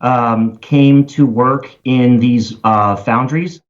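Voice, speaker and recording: A man from Baltimore, a musician guest on a podcast, telling animated, rambling stories in casual chat. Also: medium pitch, takes it slowly, muffled recording. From Baltimore, USA.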